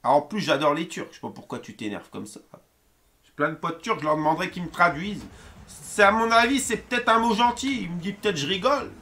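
A man doing loud, excitable live commentary on a football video game, with frequent outbursts and swearing. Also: sits high, a little fast. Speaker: gaming streamer. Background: music playing.

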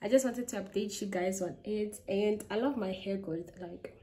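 A woman's voice: medium pitch, normal speed, mellow. A young woman from Ghana chatting casually to camera in a vlog, upbeat and chatty, filling with "yeah" and "like", filmed on a phone held at arm's length in a small bedroom. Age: young adult. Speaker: vlogger.

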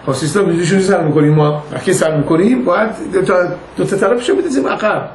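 An older man, a rabbi, giving an informal religious lesson in a conversational way, telling stories and acting out their dialogue. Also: sits high. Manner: conversational, anecdotal, acts out quoted dialogue. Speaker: rabbi teaching a class. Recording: echoey room with faint noise.

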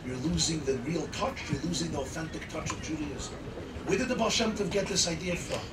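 A middle-aged man, a rabbi, preaching emphatically to a gathering with rhetorical repetition, dramatic pauses and Hebrew and Yiddish terms mixed into his English. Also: on the high side. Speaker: rabbi giving a talk. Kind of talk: impassioned sermon to a gathering. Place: makeshift sukkah hall with seated gathering. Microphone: table microphone on a stand. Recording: roomy, distant mic, clear background noise. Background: noisy room ambience.

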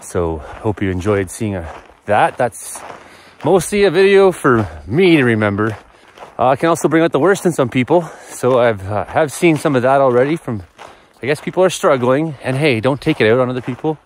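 A Canadian-accented man in his forties vlogs into a phone held at arm's length, mostly while walking outdoors along a snowy rural road. His chat is casual, rambling and folksy, in a medium-pitched voice with lively intonation and normal speed, plus slight background noise.

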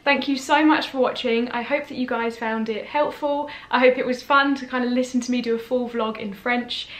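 A young woman from England chatting casually in a vlog, speaking slowly and carefully and laughing often. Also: a little high, fairly even intonation, roomy sound. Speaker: vlogger. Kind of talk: casual vlog, learning French. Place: indoors at home, study.

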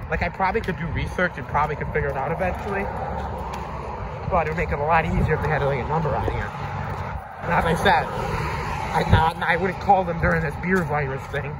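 A man's voice: fairly high pitch, fast. A man walking outdoors along a fence, talking casually to his phone camera in a rambling way, often restarting his sentences. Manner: rambling, repeats himself, frequent restarts. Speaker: vlogger exploring closed stores. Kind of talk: casual filmed walkaround commentary. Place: outdoors by a fenced empty parking lot near busy road. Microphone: phone camera held by the speaker. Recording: phone video with loud traffic noise. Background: passing traffic.

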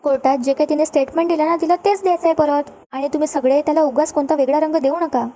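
A woman's voice: sits high, fairly even intonation, fast talker, warm tone, a little hiss or hum, natural voice. A woman reading a level-headed father figure. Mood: calming. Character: level-headed middle-aged father of the house.

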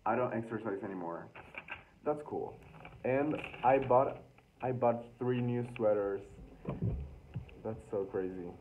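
A man's voice: medium pitch, a little slow, long pauses. Embarrassed young man reading aloud, tinny noisy recording. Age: young adult, early twenties. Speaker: vlogger. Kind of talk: casual vlog, reading own diary aloud with asides. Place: small room indoors. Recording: thin phone-like sound with loud noise.

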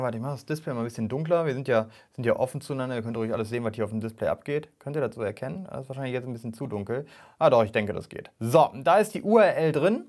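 A man in his thirties from Germany talking casually and informally to camera as a vlog host, often checking in with tag questions. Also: medium pitch. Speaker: YouTube host. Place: small furnished home studio room.

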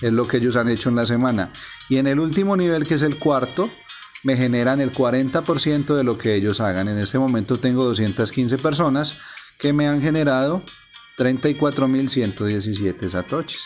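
A man's voice: medium pitch, fairly quick. Brief: male narrator, methodical gameplay voice-over, faint music behind. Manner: explains step by step, calm and methodical. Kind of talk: casual screen-recording walkthrough. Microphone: voice-over on a phone screen recording.

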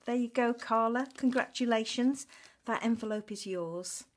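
A woman's voice: a little high, normal speed. A woman hosting a craft channel, chattily announcing giveaway prize winners in an informal, self-mocking and gushingly thankful way. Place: indoors at a craft table.

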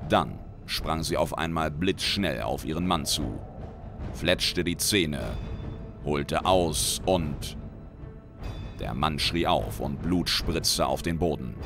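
A man reading a dark fantasy short story aloud in a measured, dramatic storytelling manner. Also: rumbling low. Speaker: reader and lore commentator. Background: background music.

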